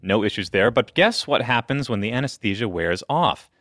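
A man's voice: lowish voice, lively intonation, normal speed, a bit bright, dry recording, studio quality. Punning male medical radio co-host. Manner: jokey, fond of puns. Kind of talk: scripted medical news banter.

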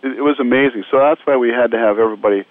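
Speaking rapid-fire in a medium-pitched voice, this man earnestly recounts his time on a disaster relief medical team for a radio interview. There's no echo, though the sound is narrow like a phone line.

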